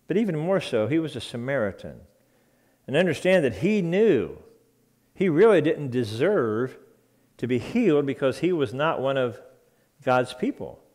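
Male preacher, mid-pitched voice, earnest sermon delivery with emphatic repetition, recorded in a church. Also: a little mellow. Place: church sanctuary.

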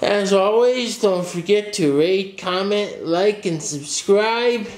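His voice ringing faintly in a cramped, echoey room, a man gives an easygoing update on his computer shop, talking slowly and steadily in a fairly high register. He describes the repairs one by one in simple language and sometimes starts a sentence over. The setting is a small indoor office workshop with a desk.

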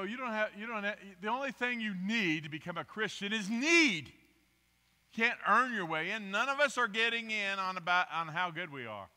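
Filmed from the pews of a big church sanctuary, a visiting older preacher tells rambling, self-mocking stories into the podium mic, alternating booming emphasis with hushed asides. His voice sits high, and the room echoes heavily.

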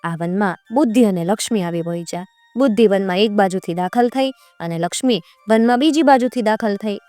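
Smooth-voiced woman folk storyteller. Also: medium pitch, brisk, warm tone, no room sound, soft background music. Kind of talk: folk-tale narration.

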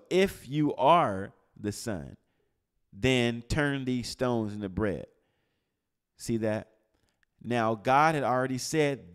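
A man preaching an interactive sermon to a live group, quizzing the room and calling on people by name. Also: mid-range voice. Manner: animated, swings from loud to hushed. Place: church gathering with a live group.

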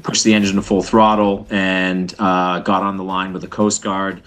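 A man in his thirties on a webcam video call, recounting a rescue at sea in a halting way, full of "uh" and "you know". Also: low voice, flat delivery, fairly bright tone. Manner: halting, many fillers and pauses. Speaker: fisherman describing a rescue. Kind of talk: casual interview account. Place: indoor room at home.

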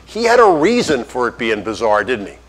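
A man hosts an interview show in a friendly, promotional manner. His voice sits at an ordinary middle pitch. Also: huge pitch swings, a little fast, poor audio. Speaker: show host.

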